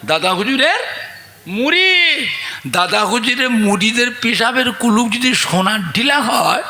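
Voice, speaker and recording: A man preaching a waz sermon, acting out the voices in his stories and shouting out to the crowd. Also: sits high, creaky. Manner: acts out dialogue in his story, shouts to the crowd.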